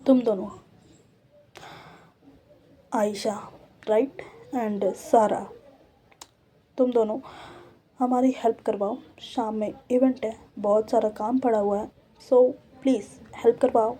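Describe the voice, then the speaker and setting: A woman voicing a quick-tempered senior college girl who gives orders and scolds in a commanding way. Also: a little high, steady tone, warm tone, slight background noise. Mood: coaxing.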